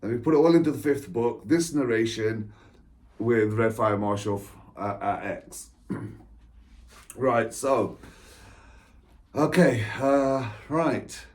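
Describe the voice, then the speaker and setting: A man's voice: mid-range voice, takes it slowly, pauses often, a little mellow. Author, male, 40s; loose, digressive monologue, laughs a lot, repeats phrases. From England. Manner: chatty, digressive, laughs often, repeats himself. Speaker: author and spiritual coach. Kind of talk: rambling personal monologue.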